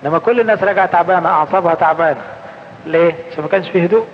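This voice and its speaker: A man with an Egyptian accent preaching a conference sermon in colloquial speech, asking questions and answering them himself, slowing down when he quotes scripture. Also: high voice, a little hiss or hum. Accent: Egyptian Arabic. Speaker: priest. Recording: echoey hall, slightly dull sound.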